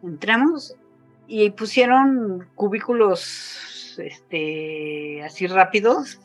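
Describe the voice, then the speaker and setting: A woman's voice: medium pitch, drawn-out words, soft background music. Mexican woman retelling a survival story. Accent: Mexican Spanish. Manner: emotional retelling, voice rising when quoting others, frequent fillers. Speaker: guest. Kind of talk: personal testimony in a casual interview.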